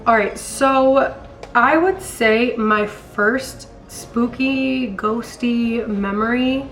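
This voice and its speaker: A young American woman with a smoker's rasp, hoarse from being sick, telling stories in a casual, rambling, slangy chat. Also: fairly high pitch, extremely slow, faint music behind, poor audio. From California, later Colorado, US. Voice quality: raspy, like a smoker's voice. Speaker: storytime vlogger.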